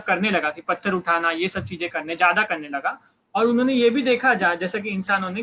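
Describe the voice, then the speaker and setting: A man's voice: sits high, pushed and bright, a little hiss or hum, low-quality recording. A man explaining human evolution in casual talk, hesitant, with many fillers and restarts. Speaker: guest biologist explaining evolution.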